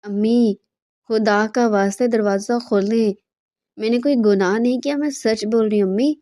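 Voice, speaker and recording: A desperate young woman, voiced by a woman storyteller begs and pleads to be believed. The tone is soft and mellow. The sound is dry and close. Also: on the high side, fairly even intonation, no room sound, natural voice. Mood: pleading. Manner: pleading, begging.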